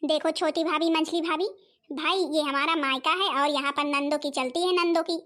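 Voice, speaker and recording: A woman's voice: sits high, steady tone, normal speed, fairly bright tone. A woman voicing brash taunting sisters-in-law. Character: two bossy visiting sisters-in-law, brash. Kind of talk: Hindi cartoon voice acting.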